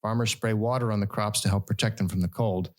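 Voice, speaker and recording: Reading the news on a podcast he co-hosts, a middle-aged man talks fast with fairly even intonation. His delivery is wry and jokey, punctuated by abrupt pitch jumps and humorous asides.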